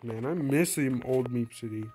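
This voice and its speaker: A man's voice: mid-range voice, moderate pace, warm tone, soft background music. A young man who is sick, casually narrating his game in a rambling, playful, self-mocking way. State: sick, coughing. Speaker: gaming vlogger. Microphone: phone screen recording.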